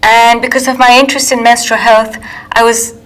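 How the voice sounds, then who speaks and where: A woman from Kenya, an author and editor speaking in a measured, careful way during a recorded interview with retakes. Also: on the high side, little pitch movement, a bit bright. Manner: measured, careful, restarts lines.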